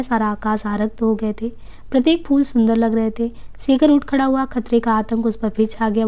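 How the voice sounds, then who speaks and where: Woman narrator reading a novel aloud, mellow and steady, with occasional restarts. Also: fairly high pitch. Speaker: reader.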